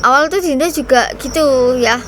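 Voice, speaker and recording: A woman's voice: high voice, normal speed, background noise. A woman hosting her own channel, chatting casually about a lecture and referring to herself by name. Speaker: channel host. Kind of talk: casual commentary.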